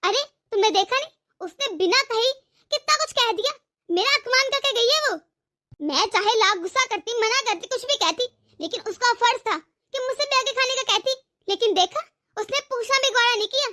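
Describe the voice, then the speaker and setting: Woman doing a very high, bright, bossy cartoon mother-in-law who taunts and threatens. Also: normal speed. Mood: scolding. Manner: shrill, taunting, melodramatic. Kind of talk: cartoon voice acting.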